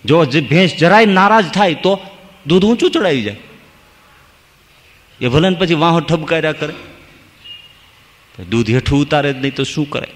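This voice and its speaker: A man's voice: a little high, lively intonation, normal speed, pauses often, a little hiss or hum. A man, a monk giving a devotional sermon, telling folk stories and reciting verses. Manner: storytelling with folk verses and acted asides. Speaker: monk preacher. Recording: long hall reverb.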